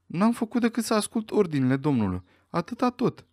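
A man reading an audiobook voices a frightened butler who anxiously protests his innocence, his voice pushed higher than his narration. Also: sing-song, a little mellow, dry recording, clean studio sound. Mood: desperate. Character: frightened middle-aged male butler, pleading.

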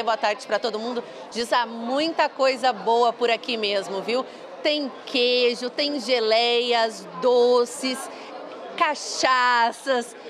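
A woman's voice: fairly high pitch, background noise. A young woman, reporting live and interviewing at an indoor fair in an upbeat, chatty way. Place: busy indoor food fair. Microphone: handheld reporter mic.

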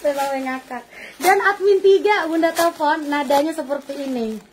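A woman's voice: sits high, moderate pace, slight background noise. A woman presenting dresses in a clothing shop during a playful live-selling video, laughing often and calling her customers "Bunda". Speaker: online clothing seller.

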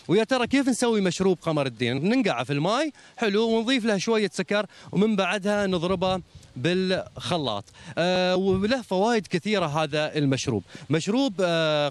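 A man's voice: high-pitched, no echo. A man with an Emirati Gulf Arabic accent hosting a TV show, upbeat and directing a helper on stage as he presents. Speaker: TV show host. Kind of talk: lively presenting to a live audience.

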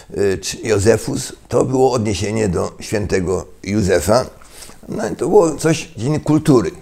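An older man giving a lecturing monologue, halting with fillers and restarts and tossing in rhetorical questions. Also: lowish voice, creaky, darkish tone. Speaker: political commentator.

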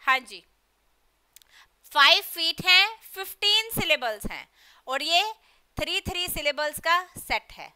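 Lady teacher, high sharp voice, hurrying her students to answer. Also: lively intonation. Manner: brisk, pushes students to answer quickly. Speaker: English literature teacher. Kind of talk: live online class, quizzing students.

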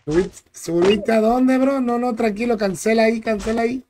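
High-voiced man chatting over game noise. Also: normal speed. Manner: chatty, greets viewers by name, slangy. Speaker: gaming streamer. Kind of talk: casual live-stream chat while gaming. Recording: clear background noise with clicks.

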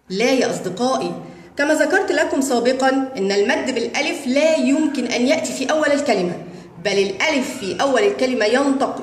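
Brief: female kindergarten Arabic teacher, fairly high voice, stretches out syllables, strong room echo with long reverb. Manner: slow, drawn-out sounding of syllables; addresses children directly as friends. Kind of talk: children's phonics lesson.

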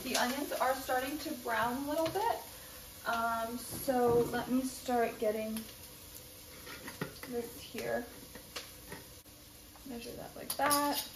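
A woman's voice: on the high side, takes it slowly, pauses often. A young woman talking casually through a cooking vlog, narrating each step with frequent ums. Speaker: cooking vlogger. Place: home kitchen. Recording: echoey kitchen with sizzling noise.

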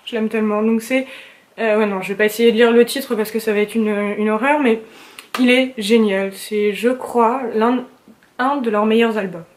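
Chatting casually from a room at home, a young vlogger gushes to camera about things she loves, using lots of slang and fillers. Her voice is a bit high, with fairly even intonation and a normal speed.

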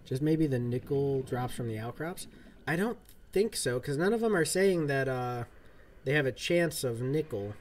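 This thirties-aged man rambles through easygoing livestream chatter while gaming at home, filling his speech with lots of fillers. He has a medium, darkish voice with lively intonation and a normal pace, and there's slight background noise.

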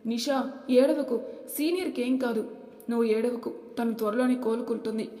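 A woman voicing a steady, caring young woman. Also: on the high side, normal speed, natural voice. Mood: comforting. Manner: gently reassuring. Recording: echoey room, long reverb.

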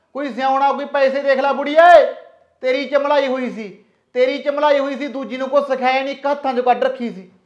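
A man plays a callous son-in-law who brushes everyone off and pushes his own demands. His voice sits high and the words come out quickly. The recording sounds dull and lo-fi. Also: fairly bright tone. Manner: dismissive, pushy. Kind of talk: village short film acting.

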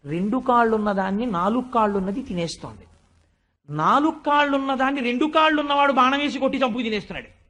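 A man's voice: extremely high pitch, fast talker, sharp tone. A man voicing a stern old male sage who scolds a king brusquely, within a devotional discourse. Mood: scolding. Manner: brusque, dismissive.

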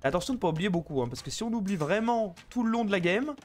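A man casting a live strategy game match, chatty and excitable, bantering with viewers between plays. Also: high voice, quick pace, slight background noise. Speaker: esports caster.

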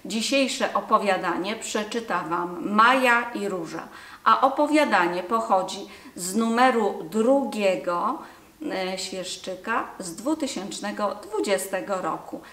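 A woman's voice: medium pitch, animated, unhurried, a bit bright. A woman presenting an online library reading session, giving a polite, formal welcome and inviting listeners to hear a story. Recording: echoey room.

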